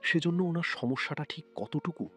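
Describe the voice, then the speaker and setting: A man's voice: on the high side, moderate pace, a bit bright, husky, faint music behind. A man playing a doctor explaining a patient's condition in a scripted audio story. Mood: serious.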